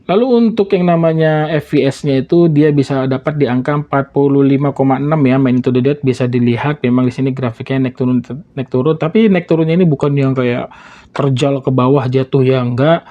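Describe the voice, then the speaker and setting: A man's voice: medium pitch, brisk, dark tone, lo-fi sound. A man giving casual, informal gameplay commentary as a gaming phone reviewer, often tagging his statements with a small confirming word.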